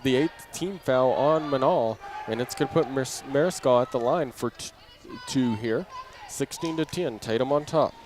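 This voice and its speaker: A man of medium pitch calls live basketball play-by-play from a gym, speaking at normal speed with few pauses in clipped, running phrases. The noisy gym ambience carries clear game noise and a bouncing ball.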